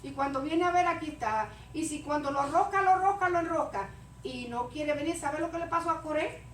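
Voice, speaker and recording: High-voiced woman preaching in echoey church. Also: a little fast. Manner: animated, acts out stammering and scenes. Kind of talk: sermon. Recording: echoey church room, mic far off, faint noise.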